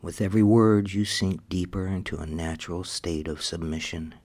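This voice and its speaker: A man narrating a scripted hypnotic induction, slow and repetitive, giving commands and dropping into soft whispers. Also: low voice, little pitch movement.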